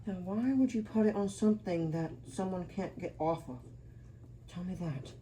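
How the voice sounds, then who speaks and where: The unboxing host talks herself through opening a gadget, casual and unscripted, half-muttering her thoughts. Her voice is lowish and mellow at a moderate pace, and clicks and noise run through the recording.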